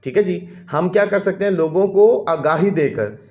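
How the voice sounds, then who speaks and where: A man teaching a lesson to children. He reads each English line slowly, then explains it and keeps addressing the class. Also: sits high, darkish tone.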